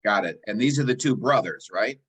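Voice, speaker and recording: Husky sixty-year-old man, easygoing host. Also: on the low side, animated, fairly quick, fairly bright tone. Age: 60s. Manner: easygoing, agreeable, short affirmations. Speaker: podcast host. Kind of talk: casual chat.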